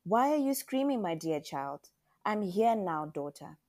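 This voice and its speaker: A woman's voice: lowish voice, lively intonation, normal speed, darkish tone. A woman reading as an anxious, stern mother. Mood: hushed, coaxing. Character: anxious, stern mother pushing her teen daughter.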